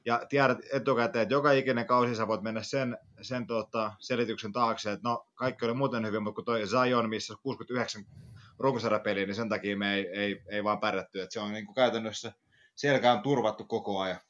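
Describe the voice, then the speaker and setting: Low man on a dull, lo-fi mic. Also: fairly even intonation, fairly bright tone. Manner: hesitant, many fillers. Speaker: podcast co-host. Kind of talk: casual sports chat.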